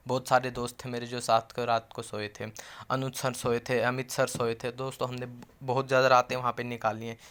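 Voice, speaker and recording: A man's voice: medium pitch, level tone, a little fast, a bit bright, smooth. A man hosting a video channel, rallying viewers in a casual direct appeal. He is insistent, keeps calling them friends, and often restarts or trails off mid-phrase. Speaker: YouTube channel host addressing job aspirants.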